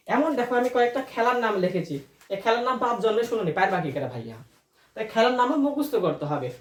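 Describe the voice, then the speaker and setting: A woman's voice: a little high, lively intonation, brisk. A woman with a Bangladeshi Bengali accent teaching an exam-prep lecture, repeating terms for students to echo and checking often whether they follow. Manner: drills terms by repetition, checks understanding often. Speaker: admission test tutor. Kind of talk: classroom-style lecture.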